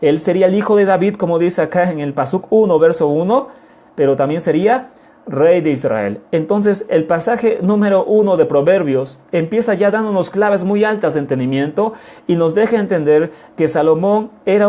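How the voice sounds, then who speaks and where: A man teaching a sermon to his congregation. He speaks deliberately, asks rhetorical questions and repeats his key phrases. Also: high voice, dark tone. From Mexico. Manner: repeats key phrases, often calls listeners "amados".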